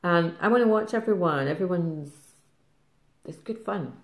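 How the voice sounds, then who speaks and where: A middle-aged Scottish woman chatting casually to camera in a fast, rambling way, laughing often. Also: on the low side. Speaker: craft vlogger. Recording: roomy echo.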